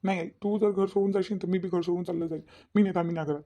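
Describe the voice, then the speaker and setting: A woman's voice: on the low side, fairly even intonation, rapid-fire, warm tone. A woman voicing a devoted young adult son in a cartoon, with an insistent, pleading manner. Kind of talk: cartoon voice acting.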